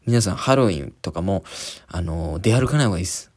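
A man's voice: low voice, expressive, fast talker, a little mellow. A man hosting a podcast, telling a story in a casual monologue and acting out scenes with sound words. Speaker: podcast host.

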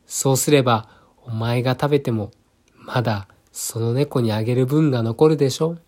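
A man's voice: normal speed, a little mellow, lightly acted. A man voicing a fussy mother bird who scolds her chick firmly. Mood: gentle. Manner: firm scolding, raised pitch.

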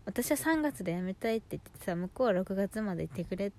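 A woman in her twenties chatting casually in slangy gyaru, valley-girl style, telling stories in an animated, exasperated way as she hosts a personal audio diary. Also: mid-range voice, fast. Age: 20s. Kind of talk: casual chat, venting monologue.

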